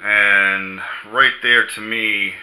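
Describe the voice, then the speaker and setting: A man commenting on a football play in a casual vlog, emphatic and incredulous, slowly stressing his words. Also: lowish voice, steady tone, bright, forceful tone, poor audio.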